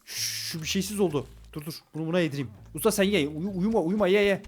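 Excitable high-voiced man narrating a game. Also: a little hiss or hum. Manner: hurried, excitable, talks to game customers. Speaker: gaming YouTuber. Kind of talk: casual gameplay commentary.

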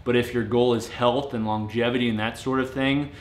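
Speaking to camera from his home garage gym, a late-twenties man reviewing equipment has a steady, mid-pitched voice and talks fairly quickly. He comes across as casual, genuine, and straightforward, though he uses fillers and restarts, while the space adds roomy echo and slight background noise.

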